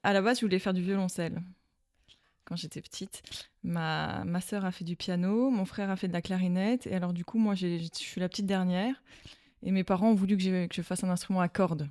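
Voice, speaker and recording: A woman's voice: on the low side, fairly even intonation, brisk, a little mellow, no room sound, clean studio sound. A woman from Alsace, France, guest in an interview, talking casually and hesitantly with many fillers and restarts. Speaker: guest, violist and speech therapist.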